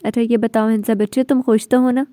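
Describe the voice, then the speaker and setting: A kindly, affectionate uncle, read by a woman narrator in a storybook reading. He speaks with a fatherly gentleness. The voice is mellow and dry. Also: on the high side, little pitch movement, fast talker, no echo, natural voice. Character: older man, affectionate uncle.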